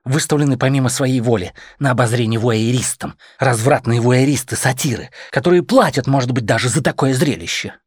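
A man's voice: medium pitch, brisk, few pauses, breathy edge, no room sound, clean studio sound, lightly acted. A man reading an audiobook, voicing a fierce, wild young red-haired woman who speaks bluntly. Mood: scornful.

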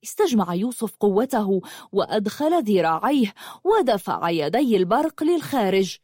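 A woman narrates a dramatic action story with vivid, expressive delivery. Her pitch swings with lively movement. The recording is dry and close. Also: normal speed, husky, no room sound.

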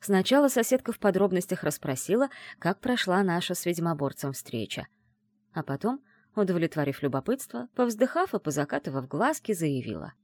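Expressive woman reading a fantasy story. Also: fairly low pitch, a little fast, no echo, clean studio sound. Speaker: audiobook narrator. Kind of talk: first-person fantasy narration.

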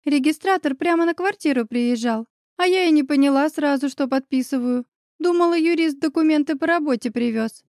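A lively, caring young woman friend, voiced by a woman reading an audiobook. She talks briskly and decisively in a high, bright register, and the sound is dry and close. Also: no echo. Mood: happy. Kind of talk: audiobook character voice.

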